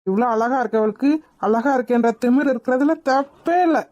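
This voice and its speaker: A woman plays a clumsy cartoon sidekick, a young man who teases and sing-songs his jokes. His voice sits fairly high. The sound is close and dry. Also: a little fast, a little mellow, no room sound, lo-fi sound, close to an everyday voice. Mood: teasing. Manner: teasing, sing-song.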